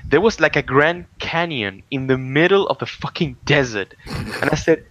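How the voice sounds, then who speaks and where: A man co-hosting a casual podcast, telling stories in an animated way with many restarts and sudden excited outbursts. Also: mid-range voice, normal speed, dry recording. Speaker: podcast co-host. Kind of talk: casual political chat. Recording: dull lo-fi audio.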